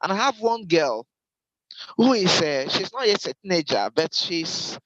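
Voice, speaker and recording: A man's voice: high-pitched, big pitch swings, a little slow, lo-fi sound, heavy background noise. A man training Sunday school teachers in a church lecture, speaking directly and instructively and repeating key points for emphasis.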